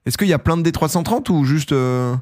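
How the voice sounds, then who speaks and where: A young man's live-stream chatter is fairly quick, casual and excitable, though his throat is sore. Loud, high bursts pop up often.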